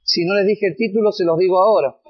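A man with a high voice preaching a sermon to his congregation. He lifts his voice higher and louder when he reads the verses, with frequent restarts. The sound is dull and lo-fi. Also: fairly even intonation, quick pace. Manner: rises in pitch and volume when reading scripture, many restarts.

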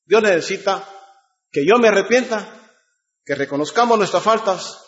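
A man's voice: sits high, expressive, moderate pace, a bit bright, lo-fi sound. A man preaching a sermon, reading scripture and asking the congregation rhetorical questions.

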